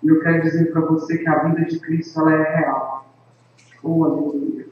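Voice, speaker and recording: A man, an evangelist giving an earnest personal testimony to a camera in a solemn, unhurried way with drawn-out emphasis. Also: on the high side, flat delivery, a little hiss or hum. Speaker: evangelist and worship leader. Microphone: camera microphone. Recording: echoey, distant, dull lo-fi with faint ambience.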